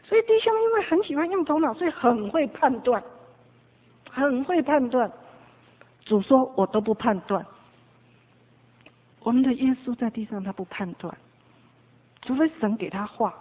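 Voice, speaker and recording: A woman preaching a sermon, swinging between loud exhortation and hushed tones, telling stories with quoted dialogue. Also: a little high, expressive, moderate pace, long pauses, breathy edge. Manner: storytelling with quoted dialogue and small laughs. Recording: tinny phone-like sound.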